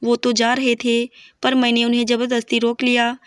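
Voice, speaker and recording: A woman's voice: fairly high pitch, completely flat delivery, normal speed, no echo, clean studio sound, natural voice. A woman voicing an eager, earnest young daughter-in-law in a storybook reading.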